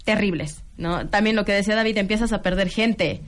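A woman's voice: mid-range voice, a little fast. A woman with a Mexican Spanish accent, speaking as a guest and candidly telling her own story, earnest and frank, with restarts and acted-out quotes. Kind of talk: candid conversational testimony.

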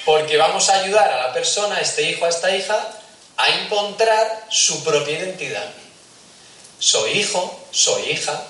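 A man speaks from a distance in a large, echoing hall, with a bright, forceful voice. He talks to parents in a conversational way, puts questions to them and acts out short everyday scenes. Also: on the high side, animated, normal speed. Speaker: speaker giving a talk on family and faith. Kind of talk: talk to parents. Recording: echoey hall, speaker far from mic.

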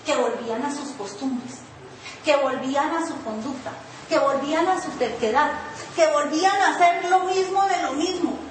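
A woman's voice: high-pitched, normal speed, slight background noise. A woman pastor preaching a sermon, telling her own story and acting out her pleading in a sing-song whine. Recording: echoey room, voice from far off.

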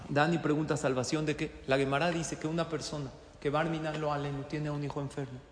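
A man's voice: a little high, flat delivery, fast, a little hiss or hum. A man teaching a Torah class to live listeners in a hall, often asking them rhetorical questions. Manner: asks the audience rhetorical questions. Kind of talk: religious class lecture. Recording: roomy hall with long reverb.

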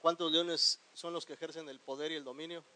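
A man's voice: fairly high pitch, a little fast, poor audio. A pastor preaching a sermon. He asks the congregation questions and has them repeat phrases after him. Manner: animated preaching with sudden loud bursts.

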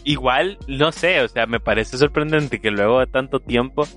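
A young man with a Nicaraguan Spanish accent chatting casually and reflecting in a halting way, often restarting his sentences. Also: medium pitch, a bit bright, faint music behind. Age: young adult. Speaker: older brother. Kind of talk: casual chat.

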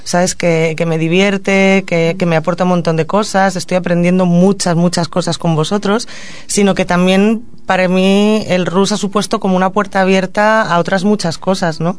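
A woman from Madrid, a social educator and puppeteer, answering questions as a guest in a radio studio in an earnest, reflective way, pausing to gather her thoughts. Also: lowish voice, flat delivery, clear, resonant tone. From Madrid, Spain.

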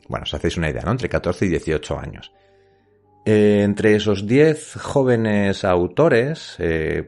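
Very deep-voiced Spanish man hosting a podcast. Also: gravelly, a little mellow. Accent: Spanish from Spain. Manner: conversational, addresses the listener directly. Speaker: podcast host.

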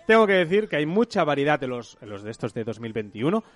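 A man's voice: a little high, sing-song, fast talker, dry recording. A man, co-hosting a podcast and explaining tech news in a loose, casual chat. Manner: explains news items at length, loose and chatty. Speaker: podcast co-host.

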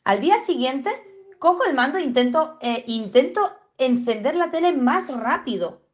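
Spanish woman from spain, dog trainer, rambly and chatty, fairly high voice. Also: expressive, moderate pace. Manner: chatty and digressive, acts out owners and dogs in high voices. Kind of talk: casual spoken lesson to viewers.

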